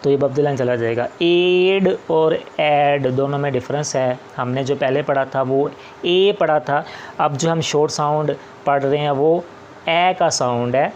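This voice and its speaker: A man's voice: fairly high pitch, a little slow, darkish tone, muffled recording, a little hiss or hum. A man teaching shorthand step by step, patient and repetitive, often opening with "ji". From Pakistan. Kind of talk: slow step-by-step classroom explanation.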